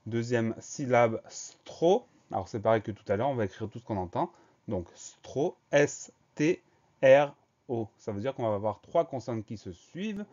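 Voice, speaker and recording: Man teacher, middle pitch, careful letter-by-letter spelling dictation, slightly muffled lo-fi recording. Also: animated, measured pace, darkish tone.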